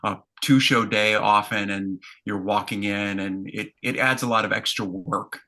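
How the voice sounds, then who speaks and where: A man in his fifties with a low voice and a bright, forceful tone. He tells his stage stories in an easy, conversational way, reflective and detailed, pausing on fillers as he thinks. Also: steady tone. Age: 50s. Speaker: interview guest, stage performer. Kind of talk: conversational storytelling.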